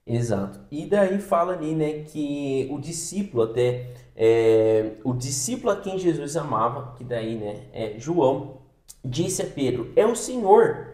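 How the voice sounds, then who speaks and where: A man's voice: fairly high pitch, very animated, a little slow, warm tone. A man co-hosting a podcast, discussing Bible passages in a casual, conversational way with frequent tag questions. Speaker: podcast co-host. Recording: roomy echoey sound.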